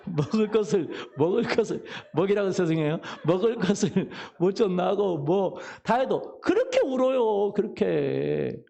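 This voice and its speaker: A middle-aged male pastor preaching in a church, his voice high and gravelly. He tells funny family stories with a lot of swing in his pitch and keeps asking the congregation questions. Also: expressive, measured pace, few pauses, mellow. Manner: humorous storytelling, asks the congregation questions. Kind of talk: sermon. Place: church sanctuary.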